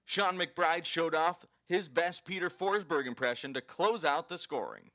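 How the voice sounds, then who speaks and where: Male sports host, scripted highlight recaps, slightly high pitch, bright forceful delivery. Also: measured pace.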